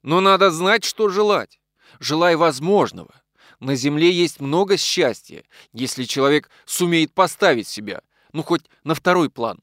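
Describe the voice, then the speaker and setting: A man reading an audiobook, voicing a kind, modest middle-aged gentleman who speaks in a calm, reasoning, gently persuasive way. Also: fairly high pitch, moderate pace, no room sound, clean studio sound, pitched above the performer's own voice.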